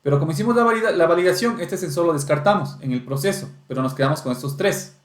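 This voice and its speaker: A man's voice: fairly high pitch, fast talker, roomy sound. A man teaching automotive electronic diagnostics, explaining step by step and checking in with the class. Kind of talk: technical lesson walkthrough.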